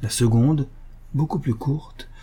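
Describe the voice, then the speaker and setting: A man's voice: medium pitch, slow, mellow, slightly rough, voice pushed up. A man voicing an ardent young suitor. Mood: earnest.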